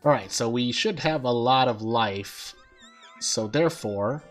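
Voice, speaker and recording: A man's voice: medium pitch, a little slow. Man with overbite articulation, rambling over game music. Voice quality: slight lisp-like articulation from an overbite, teeth catching the lip. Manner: rambling, thinking aloud. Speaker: gaming streamer. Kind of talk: casual rambling game commentary.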